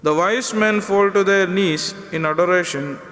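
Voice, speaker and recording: A man, a priest, reading the gospel and preaching in a slow, measured, solemn way, his voice ringing in a large church with cathedral echo. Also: high-pitched, a bit bright. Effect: long cathedral-like reverb. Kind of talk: liturgical gospel reading and homily. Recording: echoey church hall with long reverb.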